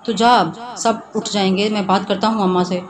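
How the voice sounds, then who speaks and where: A woman voicing a gruff, commanding young husband who gives curt orders. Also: mid-range voice, steady tone, a crowd in the background, close to an everyday voice. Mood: brusque. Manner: curt, bossy. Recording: noisy background hiss.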